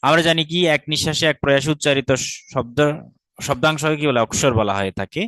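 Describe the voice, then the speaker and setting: A man from Bangladesh leads an online class on Sanskrit verse, explaining each point patiently and checking that his students follow. His voice sits at an ordinary middle pitch. He slows down to recite syllables carefully, recorded close and dry with no room sound. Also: animated, fairly bright tone, dry recording. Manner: explains patiently, often asks rhetorical questions and checks understanding. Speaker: teacher of Sanskrit grammar.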